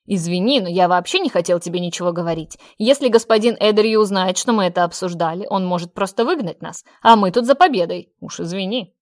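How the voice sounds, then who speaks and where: A woman voicing a young male mage in an audiobook, speaking in a sly, teasing and quietly confident way. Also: on the low side, fast, hardly any pauses, no echo, studio quality, lightly acted. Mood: earnest. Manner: teasing, wry, calmly confident.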